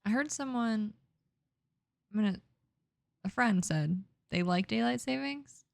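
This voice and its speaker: A woman's voice: on the high side, lively intonation, measured pace, gravelly, no room sound. A woman co-hosting a podcast, chatting casually with a wry, teasing humor. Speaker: podcast co-host. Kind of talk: casual chat.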